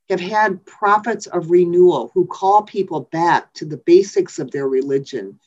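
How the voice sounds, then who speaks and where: A woman preacher giving a sermon in a measured, reflective way, with thoughtful pauses. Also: on the low side, darkish tone. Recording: dull lo-fi recording.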